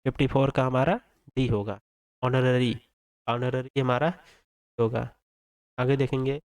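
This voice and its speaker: Indian male tutor, smooth clear voice, dry close recording, slow over English prompts, quiz-style lesson in Hindi. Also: medium pitch, darkish tone, no room sound. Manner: reads English prompts slowly, explains in Hindi, asks rhetorical questions.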